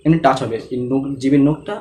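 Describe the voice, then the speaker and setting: A man's voice: mid-range voice, fairly quick, mellow. A man teaching how to pronounce letters, patiently drawing out each sound and asking learners to repeat after him. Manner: asks the viewer to follow along and checks understanding. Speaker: Quran reading teacher. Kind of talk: step-by-step recitation lesson.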